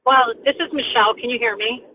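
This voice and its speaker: A woman's voice: fairly high pitch, fairly even intonation, fast. A woman calling in over a speakerphone while driving a car, talking casually and thinking aloud with fillers. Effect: phone speakerphone from a moving car. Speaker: call participant. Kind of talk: casual talk on a conference call. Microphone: phone speakerphone. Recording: tinny phone line, faint road noise.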